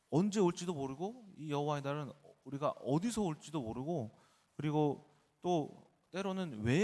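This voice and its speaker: A man's voice: medium pitch, darkish tone, in a large hall. A man in his thirties, a pastor, preaching an early-morning sermon in a conversational way, with personal stories and questions to the congregation. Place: church sanctuary.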